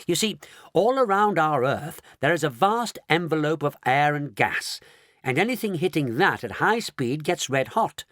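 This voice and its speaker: Man doing a lively, eccentric chocolate maker. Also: on the high side, normal speed, no echo, studio quality. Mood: explaining eagerly. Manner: theatrical, exclamatory.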